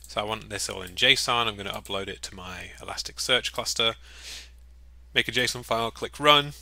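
A man with a lowish voice talks through a software demo in a relaxed, jokey way, as if recording his screen at his desk. His tone is very bright and forward. The sound is close and dry, with faint mouse clicks under his voice. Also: no room sound. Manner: upbeat, chatty, jokey asides. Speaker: software walkthrough presenter.

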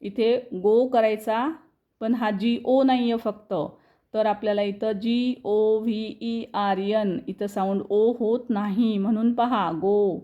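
A woman teaching English reading to students, spelling words out letter by letter and then explaining in quick bursts, checking often that they follow. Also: mid-range voice, steady tone, lo-fi sound. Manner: addresses students directly, checking understanding.

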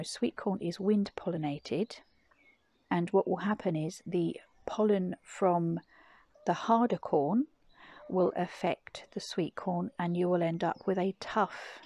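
Slow, low-voiced woman gardener. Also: mellow, no echo. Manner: chatty, explanatory, low-key. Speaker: gardening vlogger and parent. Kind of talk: casual gardening vlog narration. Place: garden outdoors and at home.

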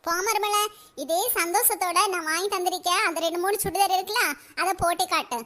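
A woman voicing an older village mother-in-law in a comedy cartoon, with a Kanyakumari Tamil accent and a shrill, squeaky voice. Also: steady tone, fast, pushed and bright. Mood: coaxing. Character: scheming old mother-in-law turned loving, village woman.

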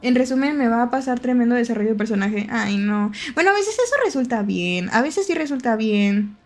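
A woman's voice: on the high side, expressive, a little fast. A young Mexican woman with a Mexican accent, a VTuber chatting playfully with her viewers while playing a horror game. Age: young adult. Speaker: VTuber streamer. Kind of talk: live horror game stream with chat.

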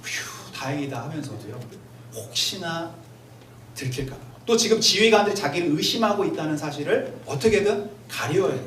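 A man, a pastor, preaching a Sunday sermon to his congregation, speaking to them directly and reading scripture aloud slowly. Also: high-pitched. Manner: acts out everyday dialogue in lively voices. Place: church sanctuary. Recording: roomy, distant church recording with faint noise.

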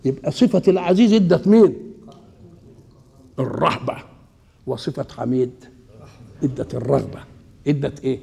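Seated indoors, a gravelly older Egyptian Islamic scholar teaches a Quran exegesis lesson in Egyptian Arabic at medium pitch and moderate pace, pausing often. He's colloquial and lively, posing questions and then answering them himself.

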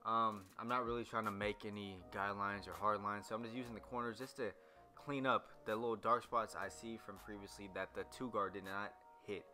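A man's voice: on the low side, fairly even intonation, fairly quick, sharp tone, faint music behind. A young man, a barber, talking loosely through a haircut tutorial with lots of ums and restarts. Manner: loose, rambling, many fillers. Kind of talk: casual voice-over tutorial.

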